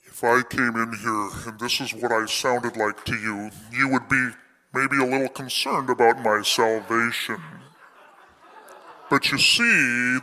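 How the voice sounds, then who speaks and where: A man preaching whose voice is made deep by inhaling heavy sulfur hexafluoride gas. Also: bright, forceful tone. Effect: voice deepened by inhaling heavy sulfur hexafluoride gas. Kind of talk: sermon demonstration. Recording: long hall reverb.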